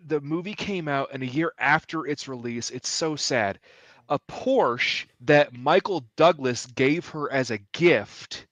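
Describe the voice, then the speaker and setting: A man's voice: medium pitch, a bit bright, no echo, muffled recording. Male podcast co-host, stuffy from allergies, dry close mic, chatty trivia storyteller. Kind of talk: casual chat.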